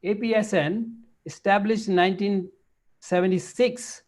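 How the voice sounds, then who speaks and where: Slow, high-voiced man making announcements. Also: a little mellow. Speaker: club president. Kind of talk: meeting announcements.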